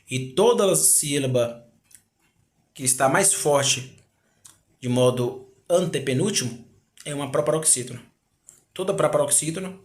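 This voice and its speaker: A man teaching a grammar lesson, explaining slowly, repeating words and asking rhetorical questions. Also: mid-range voice. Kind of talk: grammar lecture. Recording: echoey room.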